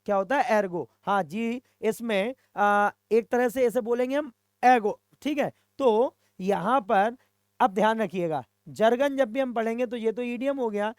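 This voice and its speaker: A teacher giving a recorded vocabulary lesson, switching between two languages, posing questions and answering them, and checking in often with a quick "okay". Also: mid-range voice, darkish tone, no echo, clean studio sound. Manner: mixes Hindi and English, asks and answers own questions; repeats "okay" to check in with students. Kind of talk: recorded exam-prep lesson.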